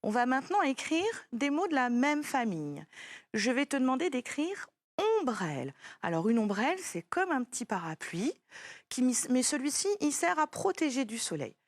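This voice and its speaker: A woman's voice: high voice, very animated, normal speed, no echo. A woman teaching a child French spelling, patiently spelling words out letter by letter.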